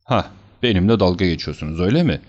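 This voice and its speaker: A man's voice: low voice, animated, quick pace, muffled recording. A man voicing a furious, blustering old brute. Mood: angry threats. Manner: angry, blustering, shouting threats. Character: old, huge, violent male doctor, menacing. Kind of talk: audiobook character reading.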